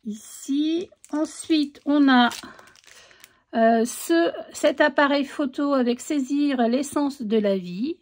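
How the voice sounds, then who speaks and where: Woman, crafts vlogger, unboxing. Slow and hesitant, filler-heavy, lists stamp texts one by one. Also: high voice. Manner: reads out stamp texts as a list. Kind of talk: casual product unboxing.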